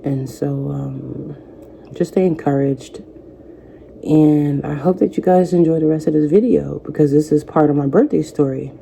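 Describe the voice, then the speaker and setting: A woman in her thirties, a vlogger, speaking softly and reflectively to camera, offering faith-based encouragement. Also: sits low, moderate pace, vocal fry, slight background noise. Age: 30s. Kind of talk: personal talk to camera.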